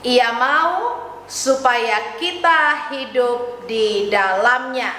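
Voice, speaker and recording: A woman pastor teaching an online Sunday school lesson for children, talking gently and coaxingly. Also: fairly high pitch, very slow, far from the mic. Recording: echoey hall, faint noise.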